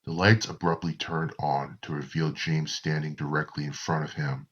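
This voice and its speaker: A man narrating a horror story in a slow, deliberate storytelling manner. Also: rumbling low, little pitch movement, a bit bright, slightly rough, muffled recording.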